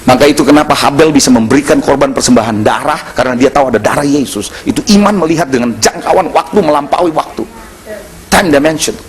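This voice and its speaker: A male pastor, preaching a sermon at a church service and telling a personal story in animated, slangy dialogue. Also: mid-range voice, quick pace.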